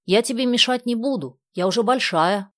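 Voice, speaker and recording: Storybook figure: a woman playing a begging, excitable schoolgirl, high and breathless with eagerness. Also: moderate pace, no echo. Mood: eager. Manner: pleading, eager. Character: eager young girl, pleading and excitable.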